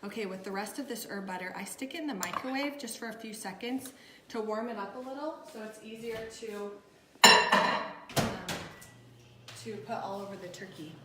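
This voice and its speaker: A woman's voice: mid-range voice, moderate pace, heavy background noise. Friendly home-cook woman, a food blogger talking through a recipe, echoey kitchen room. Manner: chatty, talks while working with her hands. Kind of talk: casual cooking tutorial.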